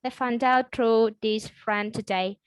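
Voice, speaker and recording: A woman's voice: on the high side, steady tone, takes it slowly, clean tone, dry recording, rough recording. A young woman reads prepared interview questions politely for a classroom English speaking exercise.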